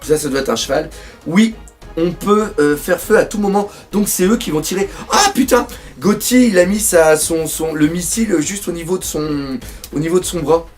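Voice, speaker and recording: A man from France doing live reaction commentary on a manga chapter, excitable, swearing often and reading panels aloud. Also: a little high, moderate pace, soft background music.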